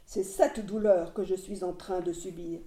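A woman reading the lines of a proud, wrathful male warrior hero, in a grave, measured way. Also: lowish voice, fairly even intonation, dark tone, close to an everyday voice. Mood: stern. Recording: roomy echo.

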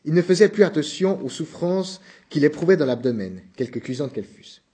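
A man narrating a novel in a measured, subdued reading voice. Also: a little high, expressive, warm tone, slightly rough.

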